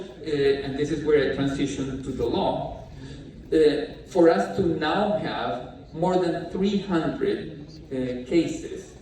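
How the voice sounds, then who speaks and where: A man from Colombia giving a lecture in a halting way, with many fillers and restarts. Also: a little high, warm tone, a little hiss or hum. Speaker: speaker at a talk. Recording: echoey hall, distant mic.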